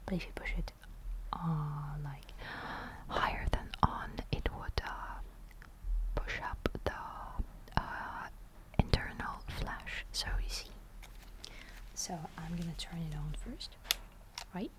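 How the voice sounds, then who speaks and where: A woman's voice: deep voice, fairly even intonation, slow. A woman whispering through an ASMR show-and-tell of a camera, hesitant and often searching for the right word. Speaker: ASMR host.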